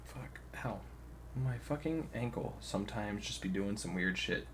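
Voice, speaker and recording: A man's voice: fairly low pitch, lively intonation, normal speed, a little hiss or hum. A young man co-hosting a podcast, talking loosely in casual chat, swearing freely and laughing often. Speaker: podcast co-host.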